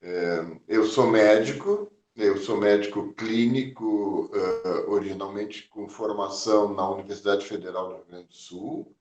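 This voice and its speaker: A man in his early sixties with a lowish voice, speaking in a measured, reflective way and dotting his sentences with small fillers. He sounds set back from the microphone in a roomy space, so the voice carries some echo. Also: recorded from a distance, highs cut off. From Porto Alegre, southern Brazil. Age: 60s. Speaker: physician recounting his life. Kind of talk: oral history interview.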